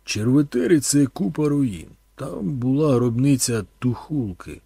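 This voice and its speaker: A man's voice: medium pitch, very animated, moderate pace, vocal fry, warm tone, husky, no room sound, exaggerated voice. A male reader voicing a stern monk who speaks curtly and cautions others. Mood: explaining. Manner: curt, cautioning, dismissive.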